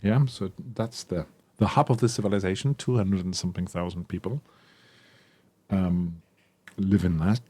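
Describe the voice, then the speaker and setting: A man's voice: deep voice, fairly even intonation, normal speed, darkish tone, breathy edge, no room sound. A man giving casual, enthusiastic unboxing commentary as a tabletop game creator, thinking aloud with frequent ums and self-corrections. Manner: enthusiastic about the product. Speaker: tabletop RPG content creator.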